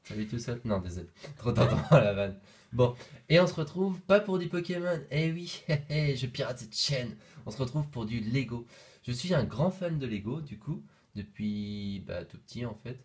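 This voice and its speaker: A man's voice: mid-range voice, expressive, moderate pace, a little mellow. A young man talking casually while unboxing toys on camera, playful and jokey, rambling with fillers and asides. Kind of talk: casual chat.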